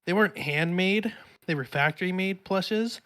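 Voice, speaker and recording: A woman's voice: fairly low pitch, normal speed, fairly bright tone, clear, resonant tone. A woman telling a story in an easygoing, casual way while chatting with friends. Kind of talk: casual chat among friends.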